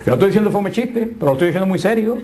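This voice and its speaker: Emphatic male preacher, higher pitch. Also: lively intonation, racing. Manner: emphatic, rising and falling, joking asides. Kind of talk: sermon.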